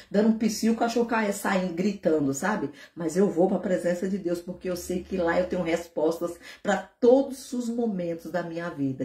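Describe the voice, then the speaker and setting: Woman preacher, mellow tone, chatty animated sermon, roomy echo. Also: lowish voice. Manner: conversational, animated preaching with acted prayers.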